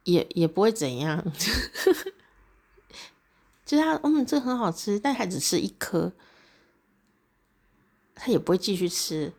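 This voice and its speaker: Woman, lowish voice, chatty, laughs a lot, solo podcast monologue. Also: sing-song, unhurried, long pauses, darkish tone. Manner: chatty, laughs often, acts out little quoted exchanges. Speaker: podcast host. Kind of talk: personal reflective monologue.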